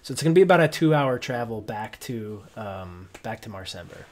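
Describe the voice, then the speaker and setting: A man's voice: lowish voice, animated, fairly quick. A man working as game master, narrating a tabletop roleplaying game informally and piecing descriptions together as he goes.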